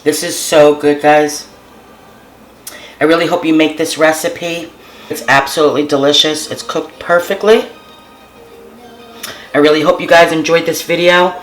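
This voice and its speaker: A woman's voice: low voice, steady tone, normal speed, pauses often, reverberant, soft background music, low-quality recording. A woman hosting a casual home cooking tutorial, chatting to her viewers and calling them guys. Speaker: cooking channel host. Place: home kitchen.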